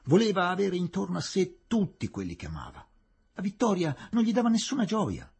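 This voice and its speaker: A man reading a novel aloud in a theatrical, expressive way with a husky voice. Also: high voice, a little fast. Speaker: audiobook reader. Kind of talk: dramatic literary reading.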